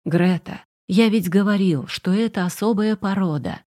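A woman's voice: mid-range voice, normal speed, warm tone, lightly acted. Woman reading as a stern young emperor. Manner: reproachful, commanding. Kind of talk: audiobook character reading.

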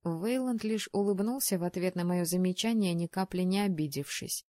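A woman reading a first-person audiobook in a lively, expressive way. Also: on the low side, normal speed, no echo, clean studio sound. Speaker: audiobook narrator.

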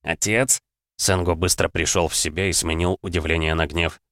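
Deep-voiced male fantasy narrator. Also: little pitch movement, brisk, fairly bright tone, no room sound, studio quality. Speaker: audiobook narrator. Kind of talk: first-person fantasy narration.

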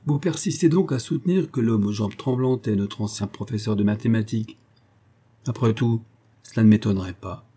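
A man voicing a disdainful, jaded young gentleman who speaks with mocking indifference. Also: on the low side, moderate pace, slightly rough. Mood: sneering. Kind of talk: audiobook character voice.

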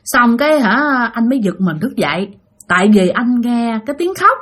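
A woman with a Southern Vietnamese accent voicing a shaken husband as he recounts an eerie night in a hushed, uneasy way. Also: a little high, expressive, moderate pace, breathy edge.

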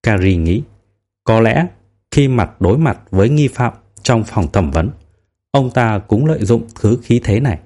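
A man narrates a novel as an audiobook, his voice somewhat low. He reads calmly and evenly, with steady control. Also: measured pace.

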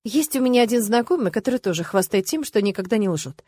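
A woman narrates a first-person audiobook, steady and expressive, at a middle pitch. The recording is close and dry, with no room sound. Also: fast talker, breathy edge, no room sound.

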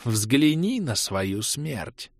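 A man reading an audiobook, voicing a bloodied undead woman with a grating, scraping voice and slow, drawn-out proclamations. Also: mid-range voice, very animated, dry recording, clean studio sound, heavily acted. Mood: slow menacing.

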